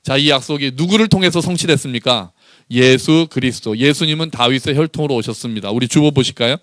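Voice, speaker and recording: A male pastor giving a sermon, asking his congregation questions and slowing down to read scripture aloud together with them. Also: medium pitch, a bit bright, dry recording.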